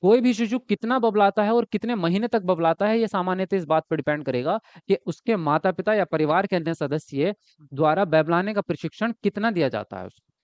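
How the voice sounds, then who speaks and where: Lively male teacher giving an online lesson. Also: sits high, a little fast, dry recording, dull audio. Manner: lively, repeats words and asks students if they follow. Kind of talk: online exam-prep lecture.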